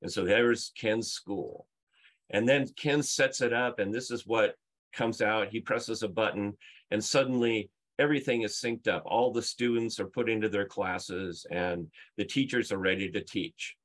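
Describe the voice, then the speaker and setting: Speaking at a measured pace with a fairly low pitch, a middle-aged UX leader gives a conference talk by video call, indoors in a book-lined room at home. He makes his points emphatically through stories and rhetorical questions.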